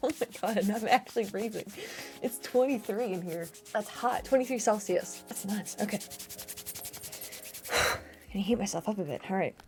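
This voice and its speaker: A woman's voice: medium pitch, a little slow, pauses often. A woman hosting her own channel, answering viewer questions in casual chat, laughing often and restarting her sentences. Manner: chatty, laughs often, restarts and repeats herself. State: shivering from cold.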